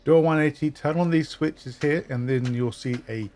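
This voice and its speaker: This gaming guide narrator is a man with a fairly high voice, talking at a moderate pace over background noise. His walkthrough commentary goes step by step and shows where items are located, delivered in an instructive, steady manner.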